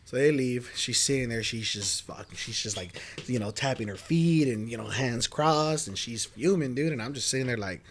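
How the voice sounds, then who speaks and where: A man's voice: medium pitch, moderate pace, few pauses. A young man on a podcast telling a story casually, swearing and acting out what people said. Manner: animated, swearing, acts out quotes. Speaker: podcast guest.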